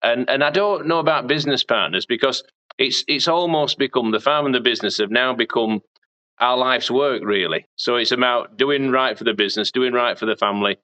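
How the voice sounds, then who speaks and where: A man's voice: medium pitch, a little fast, bright, forceful tone. A man, a farmer chatting casually in an interview and often repeating words as he starts a thought. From Barnsley, England. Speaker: farmer and business owner. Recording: dull lo-fi sound.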